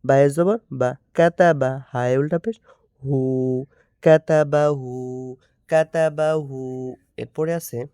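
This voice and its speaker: Man, Bangladeshi accent, Quran reading teacher, slow repetitive drilling, clear tone. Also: a little high, warm tone, no echo, studio quality. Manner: slow, drawn-out drilling with repeated syllables. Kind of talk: spelling out Arabic letters and vowel marks, then reading words slowly.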